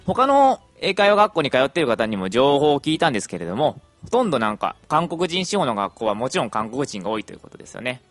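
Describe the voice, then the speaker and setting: Young male podcaster, casual and talkative, very animated pitch, soft music in the background. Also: fast talker, few pauses. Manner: chatty, lively intonation, many fillers.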